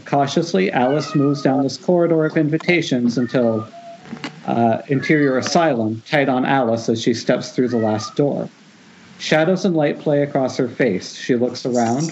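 Reading screenplay directions aloud for a casual table read, a man on a remote group Skype call occasionally stumbles and restarts. His voice sits in the mid range and is a little mellow, though the internet-call recording is dull and noisy.

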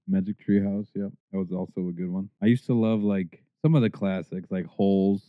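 Laid-back podcast co-host, man in his 30s, lowish voice, thin phone-like audio. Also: fairly even intonation, brisk, clear, resonant tone, no room sound. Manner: easygoing, agreeable, reads trivia questions. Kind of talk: casual nostalgic chat. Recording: dry, tinny phone-like sound.

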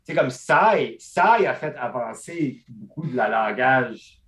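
A man's voice: mid-range voice, takes it slowly. A man with an Acadian French accent, a podcast guest talking casually and switching into English often. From Acadia, eastern Canada. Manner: mixes English into his French, animated storytelling. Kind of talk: casual conversation.

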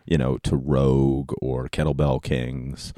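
A man hosting a podcast solo in a casual, rambling way, with halting, informal delivery. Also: rumbling low, little pitch movement, warm tone, no echo, clean studio sound. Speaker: podcast host. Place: basement office at home. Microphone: close podcast microphone.

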